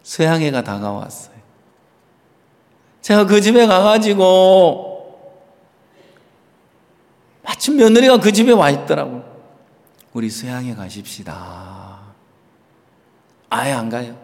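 A man pastor preaching a sermon in a dramatic, emphatic way that swings between loud exclamations and whispers. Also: sits high, sing-song, a little slow, pauses often, long reverb tail.

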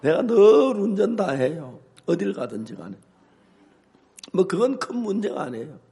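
An older man, a pastor, preaching with humor and telling animated stories, acting out his own shouts and both sides of a quarrel. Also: sits high, moderate pace, gravelly. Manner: animated storytelling, acts out shouts. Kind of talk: humorous sermon.

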